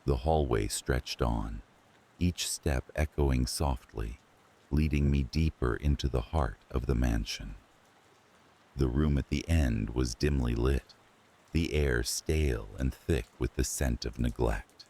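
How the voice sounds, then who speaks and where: A man narrating a scary story for sleep in a slow, hushed storytelling manner. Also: extremely low pitch, breathy edge. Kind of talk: scripted horror narration for sleep.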